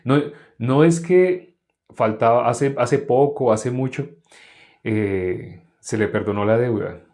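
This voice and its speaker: A man's voice: medium pitch, takes it slowly, a little mellow. A man preaching a sermon in an earnest, repetitive way, often asking the congregation questions.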